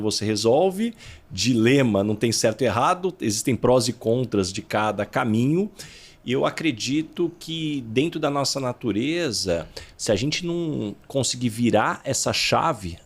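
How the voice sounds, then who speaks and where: A man with a gravelly, creaky voice at a middle pitch hosts an interview. He asks questions and answers in turn, speaking frankly and laying out his views point by point. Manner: frank, explains in structured points. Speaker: podcast host. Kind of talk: interview conversation.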